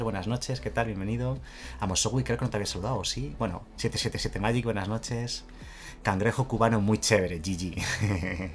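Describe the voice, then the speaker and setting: Chatty male streamer, lower voice. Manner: chatty, greets chat viewers by name, laughs often. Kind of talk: casual live-stream chat.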